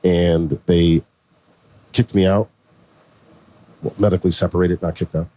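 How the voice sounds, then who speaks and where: A man in his forties, a podcast co-host, telling his story in a relaxed, slangy way. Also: deep voice, measured pace. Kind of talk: casual conversation.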